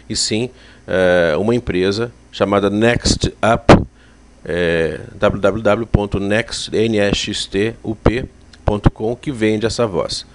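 A man with a Brazilian accent giving a spoken software tutorial in a conversational, explanatory way. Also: lowish voice, slight background noise. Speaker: software instructor.

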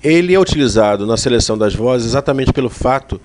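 A man with a Brazilian accent giving a spoken software tutorial in a conversational, explanatory way. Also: mid-range voice, animated, fast talker, slight background noise. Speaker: software instructor.

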